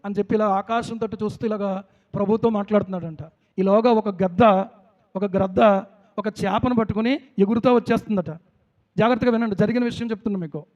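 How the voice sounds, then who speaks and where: A man's voice: high voice, steady tone, quick pace, a little mellow. A man preaching a sermon, emphatic and repetitive, asking the listeners rhetorical questions. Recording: dull lo-fi sound with long hall reverb.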